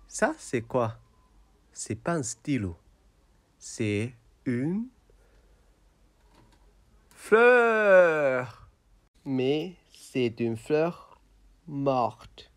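A man who vlogs for beginner learners speaks extremely slowly, word by word, with a lively rise and fall in pitch. His delivery is deliberate, tired and deadpan. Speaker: vlogger, language teacher. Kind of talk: slow, simple speech for beginners.

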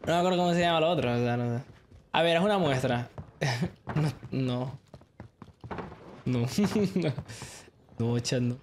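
A man's voice: medium pitch, a little slow, pauses often, background noise. A young man streaming a shooter game live, chatting loosely with his viewers, joking, laughing often and tossing in English slang. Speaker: gaming streamer. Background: game sounds and clicks.

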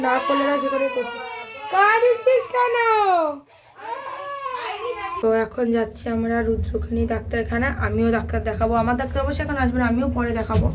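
A young woman with a sore throat, vlogging at home in a tired, weary way. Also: a little high. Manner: tired, complaining, talks to her child. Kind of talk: casual chat. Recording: noisy home phone recording.

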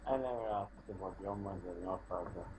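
A man's voice: low voice, fairly quick, darkish tone. A man answering a voice-chat call with short, teasing replies. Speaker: prank call target. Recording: noisy voice-chat line.

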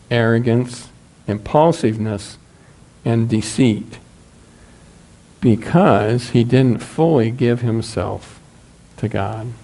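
A man in his sixties, a pastor with a Midwestern American accent, preaches in a small church sanctuary. His voice is warm and mellow, at a middle pitch. He talks in a measured, steady way and picked up by a room mic. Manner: measured, reads scripture aloud from a booklet. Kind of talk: sermon.

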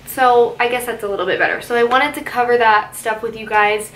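Chatty young woman vlogging, kinda high. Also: fairly even intonation, brisk, a bit bright, reverberant, slight background noise, rough recording. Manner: chatty, filler-heavy, with "like" and "I guess you could say". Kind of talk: casual vlog chat. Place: car, then bedroom at home.

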